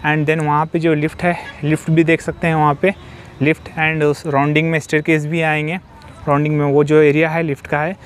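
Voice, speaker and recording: Filming on his phone as he walks an outdoor construction site, a vlogger explains the work in a repetitive, explanatory way and drops in English technical terms. His voice is a little high and flat, fairly quick, with a slight hiss or hum.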